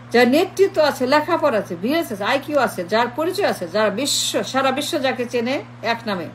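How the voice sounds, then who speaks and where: High-voiced woman ranting in lists. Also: a little hiss or hum. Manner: repetitive, mocking lists of insults, switches into English. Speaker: political commentator. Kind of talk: political monologue.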